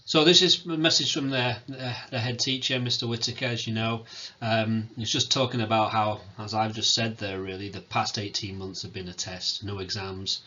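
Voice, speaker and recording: A man, a teacher giving a recorded farewell talk to his students, hesitant with many pauses and fillers, in a self-described monotone. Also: fairly low pitch, dull audio. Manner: hesitant, many ums, calls himself monotone. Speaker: sixth form teacher.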